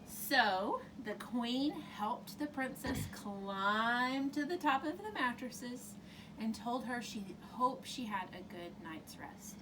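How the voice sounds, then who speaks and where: A woman's voice: on the high side, expressive, takes it slowly. A woman storyteller talking straight to children like a kids show host, with dramatic emphasis. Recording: distant mic, clearly noisy room.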